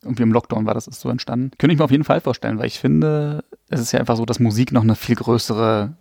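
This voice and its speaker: Fast-talking gravelly man, a poet. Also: mid-range voice, darkish tone, no echo, studio quality. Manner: fast, thoughtful, lots of fillers. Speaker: poet guest. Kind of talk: casual interview.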